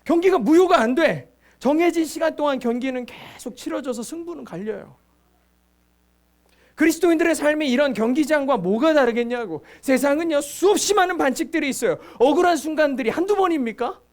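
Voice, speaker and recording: A middle-aged male pastor with a strikingly high voice delivers his sermon. He talks to the congregation in a casual, chatty way. He often repeats his points for emphasis. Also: fairly quick. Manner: lively storytelling, acting out quotes; conversational, emphatic repetition.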